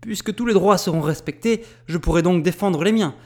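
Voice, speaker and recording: Storybook: a man voicing a self-important, touchy astronomer, raised and loud. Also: high voice, fairly quick, voice pushed up. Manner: self-important, indignant outbursts. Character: pompous quarrelsome male amateur astronomer.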